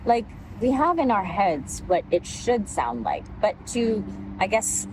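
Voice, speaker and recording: A woman's voice: mid-range voice, big pitch swings, unhurried. A woman chatting casually and laughing often, recorded outdoors in a park. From United States. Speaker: guest, voice actress. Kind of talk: casual chat. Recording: outdoor recording with clear background noise and traffic.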